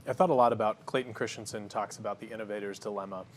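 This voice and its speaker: A man's voice: on the low side, rapid-fire, a little hiss or hum. A man, a company founder, talking confidently through a cooking demo and interview in a studio kitchen. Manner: confident, energetic, explains as he works.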